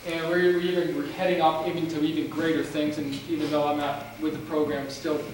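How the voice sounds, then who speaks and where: Flat in delivery and a touch fast, a man with a somewhat high voice lectures a meeting on genealogy. His accent mixes New England and North Country features, and his talk rambles with many restarts aimed at the audience. The sound is distant and roomy, from a meeting room, carrying a faint hiss.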